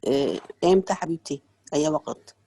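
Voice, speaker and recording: Lady on a video call, talks super fast, gravelly voice. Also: sits low, animated. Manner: rapid, warm blessings, hesitant. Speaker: student asking about enrollment. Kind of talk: casual questions on a video call.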